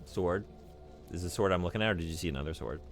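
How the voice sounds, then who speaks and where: A man's voice: low-pitched, quick pace, soft background music. A man streaming a video game, chatting casually and joking with his chat. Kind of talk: casual chat while playing.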